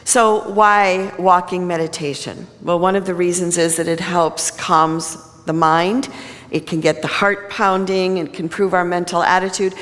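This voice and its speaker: A woman's voice: lowish voice, steady tone, unhurried, fairly bright tone. Woman minister at a pulpit microphone. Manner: conversational, plain-spoken. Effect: speaking at a pulpit microphone. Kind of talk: sermon. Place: church sanctuary. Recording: long reverb of a large hall.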